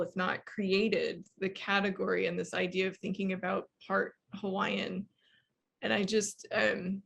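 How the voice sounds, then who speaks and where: A woman's voice: mid-range voice, creaky. A woman on a video call offering a thoughtful comment in a Q&A, searching for her words. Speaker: moderator, exhibit researcher. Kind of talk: online Q&A comment.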